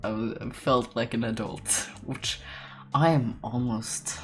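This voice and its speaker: A deep-voiced young man in his late teens draws on a livestream as an artist streamer, chatting casually and rambling with plenty of fillers. He laughs often and swears offhandedly, keeping a steady tone and a slow pace.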